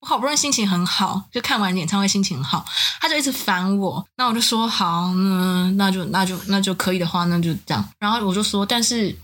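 A woman's voice: mid-range voice, quick pace, few pauses, fairly bright tone. A young woman from Taiwan telling a travel story in casual chat, acting out the quoted dialogue with animation.

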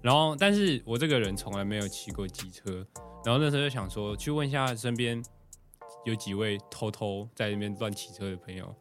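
A young man with a Taiwanese Mandarin accent telling a story in casual podcast chat, animated, laughing often and acting out what people said. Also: fairly low pitch, brisk, faint music behind. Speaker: podcast co-host.

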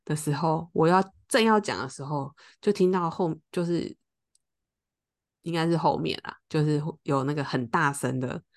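Speaking at a moderate pace in a voice that sits low, this woman co-hosts a podcast. She relates a story conversationally, animatedly performing what each person said.

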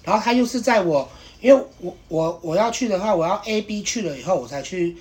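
Sex: man. Role: podcast host. Style: casual storytelling, rambling and animated, full of restarts. Pitch: fairly high. Pace: fast.

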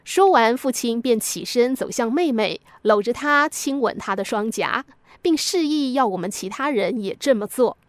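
A woman narrating a scripted story for a podcast in a gentle, reflective way. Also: a little high, animated, normal speed, dry recording.

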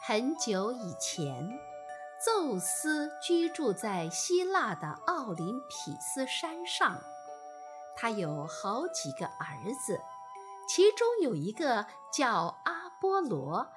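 A woman narrating bedtime stories slowly and gently. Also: sits high. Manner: slow and gentle. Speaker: storyteller.

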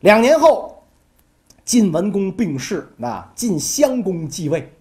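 A man with a high voice tells history slowly, in a casual, colloquial podcast style. He's an animated storyteller who acts out the characters.

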